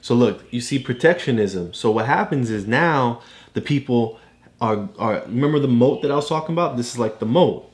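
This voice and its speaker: Lively intonation colors this mid-range voice at a normal pace as a parent explains a book to a child. The tone is patient and casual, a read-along lesson with frequent checks for understanding, captured in an echoey room.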